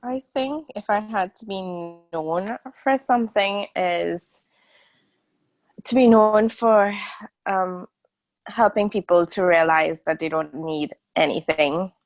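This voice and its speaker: A woman in her early thirties from a small island country is an interview guest on a casual video call, rambling candidly with lots of fillers and restarts. Her voice is mid-range and slow. The recording is dry with no room sound but low in quality.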